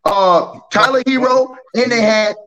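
Sports debate panelist: man, strikingly high pitch, loud and opinionated, needling his opponents. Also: measured pace, lo-fi sound.

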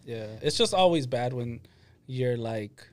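A man's voice: medium pitch, animated, a little slow, darkish tone. A man on a podcast, speaking bluntly and swearing in casual chat.

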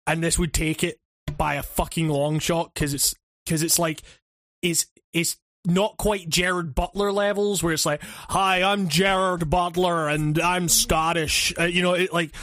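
A man's voice: on the high side, normal speed, no echo, studio quality. A young man co-hosting a casual gaming chat, rambling and swearing freely. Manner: rambling, profane, animated. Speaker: podcast co-host.

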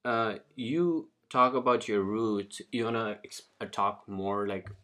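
Slow, low-voiced male interviewer. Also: a bit bright. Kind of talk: casual conversational interviewing.

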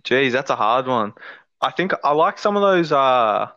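A man's voice: mid-range voice, big pitch swings, a little slow, bright, forceful tone, no echo, lo-fi sound. An Australian man chatting casually as a podcast guest and sports fan, hesitant and thinking aloud.

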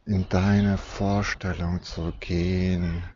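Man, soft soothing sleep-hypnosis guide, low voice, long pauses, dull recording with background noise. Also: flat delivery. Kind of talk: guided deep relaxation fantasy journey.

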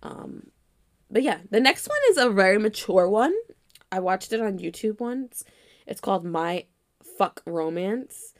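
A woman talks through drama picks in a relaxed, chatty way, laughing between sentences. Her pitch rises and falls a lot as she tells each story. Now and then a small cough breaks in. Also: moderate pace. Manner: laughs often, animated storytelling. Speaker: co-host reviewing dramas. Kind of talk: casual chat.

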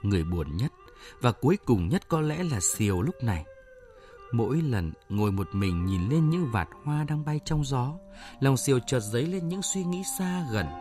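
A man's voice: medium pitch, very animated, moderate pace. A man reading a literary short story expressively, with music behind him. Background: faint music.

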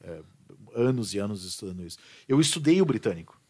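A man's voice: on the low side, fast, husky. A man, an English teacher chatting casually and animatedly. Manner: animated, repeats and restarts words. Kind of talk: casual podcast chat.

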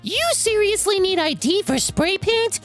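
A woman's voice: extremely high pitch, animated, a little slow, soft background music, pitched above the performer's own voice. A woman voicing an indignant, entitled middle-aged mother who screeches at a store clerk.

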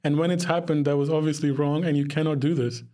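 A man's voice: on the high side, flat delivery, fast talker, warm tone. A young man from Pakistan, a podcast guest talking casually and reflectively, often breaking into laughter. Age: young adult. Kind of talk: casual conversation.

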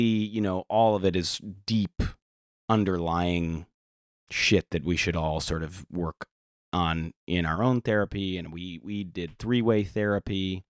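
A man talking candidly as a podcast guest, reflective and halting, with many restarts. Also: low-pitched, clear, resonant tone, no room sound, clean studio sound. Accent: American. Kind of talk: candid casual conversation.

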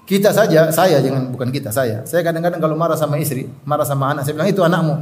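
This middle-aged man speaks, and his voice sits fairly high for a man. He preaches with animated storytelling and often pauses so the listeners can finish his sentences. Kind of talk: sermon.

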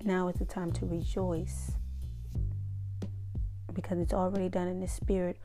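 A woman's voice: lowish voice, level tone, normal speed, music in the background. A woman giving informal devotional encouragement, emphatic and repetitive, speaking with braces in her mouth that make her articulation slightly stumbling. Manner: emphatic, repeats phrases for emphasis. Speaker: faith vlogger giving encouragement.

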